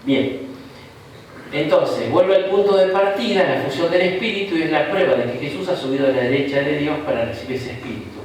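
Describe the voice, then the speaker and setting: A man's voice: a little high, brisk, recorded from a distance, slight background noise. A man with an Argentine accent, a bishop giving an informal Bible class, chatty and jokey, often tagging sentences with a questioning "no?". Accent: Rioplatense Argentine Spanish. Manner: chatty and jokey, with frequent rhetorical "¿no?". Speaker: bishop teaching a Bible course. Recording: echoey room recorded from afar.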